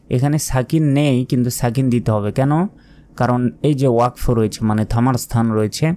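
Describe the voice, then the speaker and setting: A man with a Bangladeshi Bengali accent teaching Quran recitation, calmly and patiently repeating each word. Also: mid-range voice. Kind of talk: religious lesson with slow recitation.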